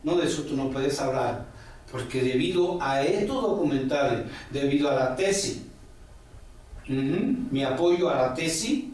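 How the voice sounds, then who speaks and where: This man in his forties, a religious elder being interviewed, tells long meandering stories full of quoted dialogue and "ujú" fillers in a voice on the high side with a darkish tone. The echoey room recording catches him from a distance, a bit off-mic, over faint background.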